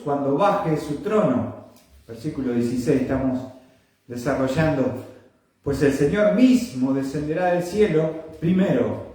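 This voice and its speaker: A man preaching a sermon slowly and emphatically, repeating his phrases and often clearing his throat. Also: fairly high pitch, mellow. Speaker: pastor. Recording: echoey room from far off.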